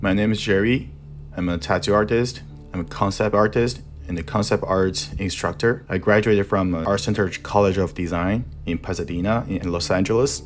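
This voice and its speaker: A young man with a deep voice, a native Mandarin speaker with a Chinese accent, narrates a voice-over about how he designs his tattoos. He is a tattoo artist and art instructor, and he speaks haltingly, hunting for words in his second language while faint music plays behind him.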